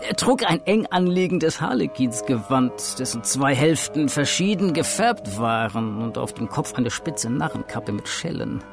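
Lively, dramatic male audiobook narrator. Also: mid-range voice, gravelly. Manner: measured, dramatic, sly. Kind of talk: scripted first-person narration.

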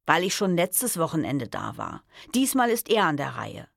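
A woman narrating a novel voices a stubborn, pessimistic young woman. She sounds reproachful and blunt. Her voice sits low with some creak. The sound is close and dry. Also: very animated, moderate pace, no echo, full character voice. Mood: grumbling. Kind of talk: audiobook reading.

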